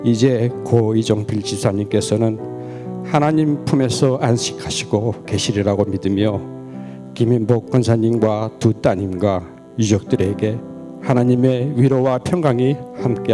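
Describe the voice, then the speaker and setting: Low-voiced man reading over clear music. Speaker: congregant reading a eulogy. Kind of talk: formal scripted tribute.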